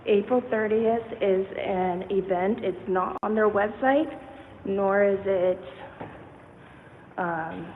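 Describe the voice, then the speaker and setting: A woman speaks slowly on a livestream from a parking lot, working things out as she goes. Her sound is thin and phone-like, with clear noise behind her. Her audio keeps cutting in and out in uneven volume. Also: medium pitch. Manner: unsure, thinking aloud. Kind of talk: solo livestream narration. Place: outdoors in a car parking lot. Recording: tinny phone-like stream with background noise.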